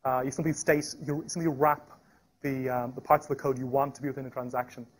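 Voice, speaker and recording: Man, tech meetup presenter, live demo talk, quick delivery, restarts and fillers, medium pitch. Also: little pitch movement. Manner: fast, with many restarts and fillers. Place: meetup room.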